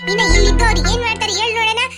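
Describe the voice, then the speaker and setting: A woman's voice: very high voice, level tone, racing. A woman voicing a fed-up young wife in a cartoon, complaining bitterly about her husband, with music behind. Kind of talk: cartoon voice acting. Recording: cartoon dialogue over music.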